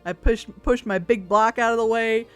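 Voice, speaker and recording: A woman's voice: fairly high pitch, fairly even intonation, normal speed, clear, resonant tone. A woman giving casual, chatty video game commentary as a streamer, playful and wry, with some swearing. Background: music.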